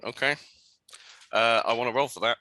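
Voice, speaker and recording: A man running a tabletop game as game master, relaxed and full of ums as he describes scenes and rules on rolls. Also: medium pitch, normal speed, slight background noise.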